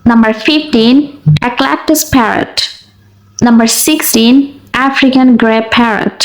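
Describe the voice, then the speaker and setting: Woman teacher going really slow, sounding out each word, kinda higher voice. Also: low-quality recording. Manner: deliberate, word-by-word enunciation. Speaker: English pronunciation teacher. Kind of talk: slow pronunciation lesson.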